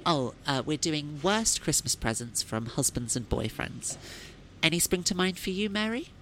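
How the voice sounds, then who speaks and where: A woman's voice: sits low, expressive, moderate pace, fairly bright tone, slight background noise, low-quality recording. A woman playing a polite, gushing radio chat show presenter in a comedy parody. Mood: brisk, polite.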